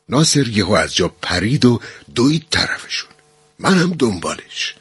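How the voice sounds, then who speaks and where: A man narrating a story in a lively storytelling style, switching into voices for the characters. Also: deep voice, slightly rough, dry recording.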